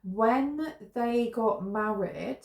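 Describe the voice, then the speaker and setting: Slow and creaky, her voice a little high, a British tarot reader thinks aloud through a relaxed reading to camera, wandering and using fillers. She's recorded by a camera close in front, in a room with echo.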